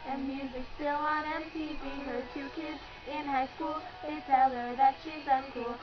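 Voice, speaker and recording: Singing along at home in a playful, giggly, amateur way, a young woman's high voice stays steady at a normal speed. A pop-rock track plays loudly in the background of this dull, lo-fi home recording.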